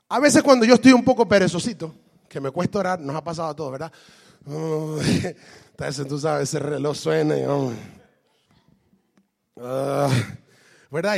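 A man preaching a sermon, lively, switching between Spanish and English and asking the congregation questions. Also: fairly high pitch, gravelly, long reverb tail. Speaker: pastor.

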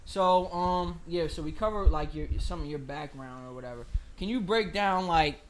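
A man hosting a casual interview, asking questions in relaxed speech packed with "like". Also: on the high side, normal speed. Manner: casual, heavy use of filler "like".

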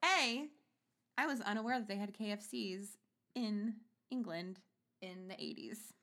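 A woman's voice: medium pitch, measured pace, fairly bright tone. A woman co-hosting a casual true-crime chat, reading out case notes and breaking off into profane asides. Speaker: podcast co-host.

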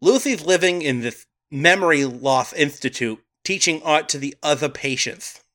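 A man's voice: a little high, animated, normal speed, pushed and bright. A man co-hosting a podcast, recapping a movie plot and sharing trivia in casual chat, laughing often. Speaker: podcast co-host.

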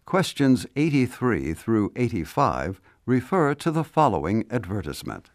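Formal male exam narrator, lively intonation. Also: mid-range voice, normal speed, dry recording, studio quality. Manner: formal, instructional. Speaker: listening test narrator.

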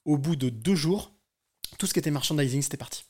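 A woman co-hosting a live show, bantering in a lively, joking way. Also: low voice, fast, husky. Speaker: co-host. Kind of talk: casual live radio chat.

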